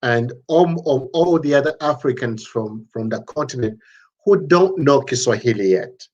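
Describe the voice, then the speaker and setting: Male teacher, mid-pitched, patient and repetitive delivery, slightly dull lo-fi recording. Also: animated, darkish tone. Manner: patient, repeats syllables slowly, many restarts. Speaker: language teacher. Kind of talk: online language lesson.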